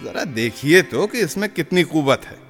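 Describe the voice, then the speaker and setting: An actor playing a genial nawab and music patron in a radio drama, courtly and cajoling. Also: male voice, a little high, sing-song, moderate pace, fairly bright tone, in a large hall. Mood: persuasive. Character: genial middle-aged male Nawab of Rampur, patron.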